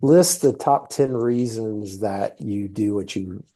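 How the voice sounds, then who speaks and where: This TV series producer, a middle-aged man who grew up in Thailand, chats as an interview guest with a lowish, mellow voice at a slow pace. He's relaxed and meandering, packing his speech with fillers.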